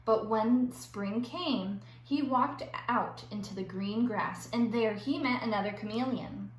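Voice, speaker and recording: Lady teacher doing a kids read-aloud, highish voice, roomy echo, bit of noise behind her. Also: a little slow. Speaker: elementary school teacher. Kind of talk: children's read-aloud and activity lesson. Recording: echoey room with faint background noise.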